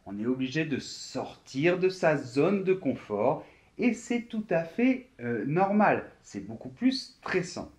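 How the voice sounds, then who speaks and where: A man from France teaching a video lesson, speaking slowly and clearly straight to the viewer. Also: a little high, big pitch swings, darkish tone. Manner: slow, clearly articulated teaching, addressing viewer directly. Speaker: French teacher.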